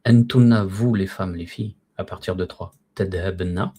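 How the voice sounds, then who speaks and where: Husky low-voiced man teaching Arabic. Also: steady tone, mellow. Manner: patient, repeats words slowly and asks if students follow. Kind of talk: recorded language lesson.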